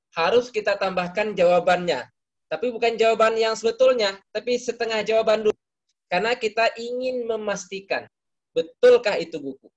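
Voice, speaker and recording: A man's voice: sits high, highs cut off. A man teaching an Arabic class, explaining patiently step by step and calling on students by name to answer.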